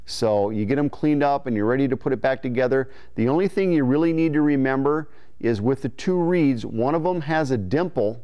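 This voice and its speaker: Clear-voiced man giving folksy instruction. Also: medium pitch, a little fast, hardly any pauses, muffled recording. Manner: folksy, informal, imitating call syllables as he explains. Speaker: duck calling instructor. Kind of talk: instructional video demonstration, explaining step by step. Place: indoor studio in front of a green-screen backdrop. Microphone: lapel mic.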